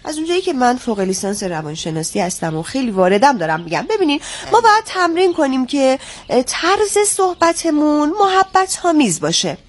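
A woman's voice: high voice, sing-song, hardly any pauses. An actress playing a young adult daughter who lectures her parents like an expert. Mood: preachy. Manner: lecturing, preachy. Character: adult daughter, preachy self-styled expert.

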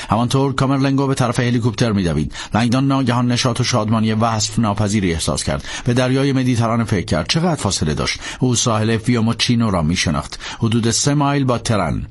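A man narrating an audiobook dramatically, swinging from tense to hushed. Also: medium pitch.

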